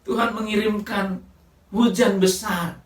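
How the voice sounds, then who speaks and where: Animated woman preacher telling a story. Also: mid-range voice, slow, reverberant, far from the mic. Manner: animated storytelling, often addressing the congregation as saudara. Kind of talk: sermon with storytelling. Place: church.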